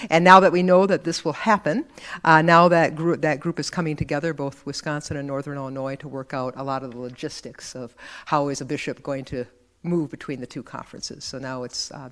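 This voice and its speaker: A man, a church task force member, giving a halting update to a meeting with frequent uhs. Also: on the high side, fairly bright tone. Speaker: conference delegate. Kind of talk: informal presentation.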